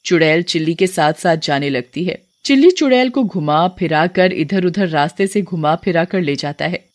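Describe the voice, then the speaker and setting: A narrator telling a cartoon folk story in a scripted, even storytelling manner. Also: medium pitch, normal speed.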